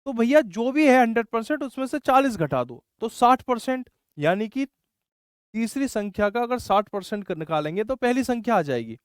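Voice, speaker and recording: High-voiced maths teacher. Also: male voice, big pitch swings, normal speed, smooth, no echo, studio quality. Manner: scolding, explains step by step, says bhai often. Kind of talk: online class lecture.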